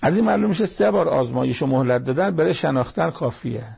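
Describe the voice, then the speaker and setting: A man with a deeply gravelly, husky voice teaches scripture commentary. His tone is dark and mellow, and he talks plainly and conversationally, retelling old stories as simple back-and-forth dialogue. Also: lively intonation. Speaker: Quran interpreter. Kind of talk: colloquial Quran commentary lesson.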